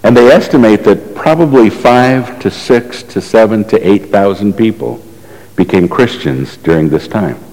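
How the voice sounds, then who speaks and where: A man's voice: fairly low pitch, measured pace, darkish tone. A man preaching a sermon, telling a story in a conversational way and asking the congregation rhetorical questions. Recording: echoey hall reverb.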